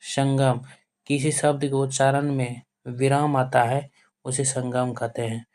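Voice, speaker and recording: A man's voice: medium pitch, flat delivery, unhurried, darkish tone. A male teacher giving a board-exam grammar lesson. He repeats himself, calls his students dear children, asks questions and answers them himself. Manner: repetitive, keeps addressing students fondly and checking with "okay".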